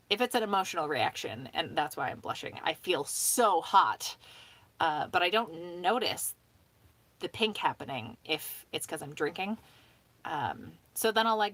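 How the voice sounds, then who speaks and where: A young woman chatting casually on a live stream, rambling with lots of "um" and "like", laughing often and talking fast with some mumbling. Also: on the low side, fairly bright tone, dry recording. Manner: talks fast and mumbles at times.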